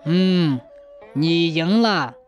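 A woman voicing a calm, wry male god who speaks slowly with low chuckles. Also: muffled recording, soft background music. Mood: cold. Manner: slow, low chuckling delivery.

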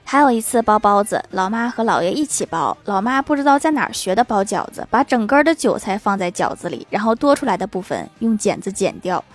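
A woman narrating short funny anecdotes with deadpan punchlines and wry laughs. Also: medium pitch, a little fast, few pauses. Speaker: comedic storyteller. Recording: music bed underneath.

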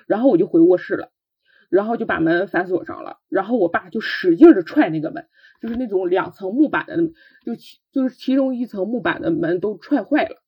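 A young woman, a podcast guest, recounting her own past in an earnest, halting way with frequent restarts. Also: mid-range voice, expressive, breathy edge. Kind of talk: personal storytelling. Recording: dull lo-fi recording.

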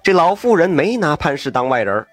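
A man telling a story in a traditional storytelling style, lively with folksy asides and exclamations. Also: on the high side, a little fast, soft background music.

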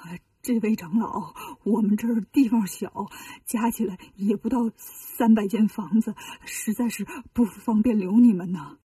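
A woman voicing a grumpy, snobbish old male temple abbot who talks in a gruff, dismissive way, in a storybook retelling. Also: on the high side, lively intonation, normal speed, a little mellow, no echo, recorded from a distance. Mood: flustered.

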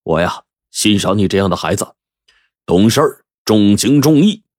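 A man's voice: fairly low pitch, expressive, a little mellow, no echo, studio quality. A man doing an effusive middle-aged company boss. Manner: effusive, drawn-out exclamations.

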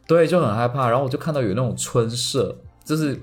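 A man's voice: mid-range voice, animated, fast talker, faint music behind. A man on a podcast telling a childhood story in a casual, rambling way, often repeating his words. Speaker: podcast co-host.

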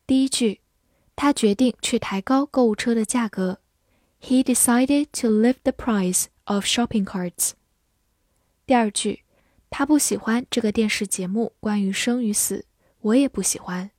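A woman reading out a scripted English vocabulary lesson, repeating each word slowly and then giving its part of speech and meanings. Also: on the high side, darkish tone, dry recording, studio quality. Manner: slow, deliberate word-by-word drilling.

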